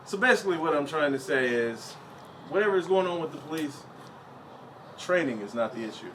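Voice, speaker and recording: A young adult man performs a profane, conversational stand-up set on stage, building toward punchlines. His voice is slightly high and a bit bright, fairly quick, with lively intonation, and the recording is distant and noisy.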